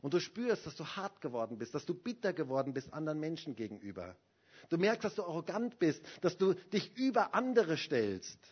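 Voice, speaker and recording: A man preaching a sermon as a Pentecostal pastor, his voice husky and set a little high. He swings between loud, rousing exhortation and quiet, close appeals to his listeners. The recording sounds dull and lo-fi. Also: big pitch swings, a little fast.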